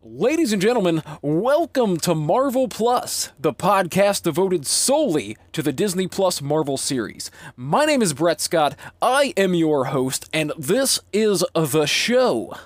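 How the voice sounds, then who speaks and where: Man doing a brash old-school radio announcer, booming and showy, pitched well above his normal voice, very dry sound. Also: sing-song, unhurried, few pauses, no echo, faint music behind. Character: brash over-the-top male radio announcer.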